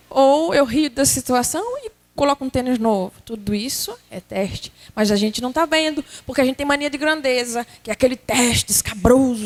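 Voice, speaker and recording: A woman with a Brazilian Portuguese accent giving a spiritist talk, telling stories lively and acting out everyday scenes. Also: high voice. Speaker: spiritist lecturer.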